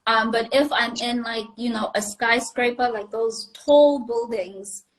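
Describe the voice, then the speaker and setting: A woman's voice: on the high side, fairly even intonation, unhurried, poor audio. A young woman, a pilot, answering interview questions over a video call in a chatty, step-by-step way. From South Africa. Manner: chatty, apologetic, laughs easily, explains step by step.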